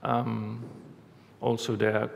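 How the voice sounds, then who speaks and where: A man giving a conference talk, walking through a live demo step by step in a halting way, recorded in a large hall. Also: medium pitch, monotone, gravelly. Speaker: conference speaker. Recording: reverberant hall, faint background noise.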